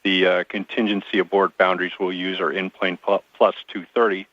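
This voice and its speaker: A man's voice: low voice, little pitch movement, brisk, fairly bright tone, no echo. Man on a dry radio communicator link. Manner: clipped procedural radio callouts. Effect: radio transmission, like a communicator link. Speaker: capsule communicator at mission control. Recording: dry, dull lo-fi radio channel.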